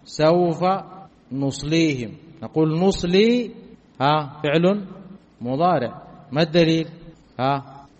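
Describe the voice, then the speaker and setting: Man, grammar teacher, somewhat high voice, asks questions then answers, repeats points, muffled lo-fi sound, long hall reverb. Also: expressive, slow pace, pauses often, darkish tone. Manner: asks the class questions and answers them himself, repeats key phrases. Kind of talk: classroom lesson explaining grammar.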